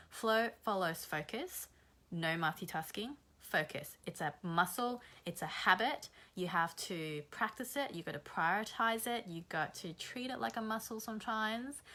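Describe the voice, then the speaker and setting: A woman coaching creative viewers on a live stream, slightly hoarse after the flu, energetic and blunt but encouraging, reading out viewer comments as she goes. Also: lowish voice.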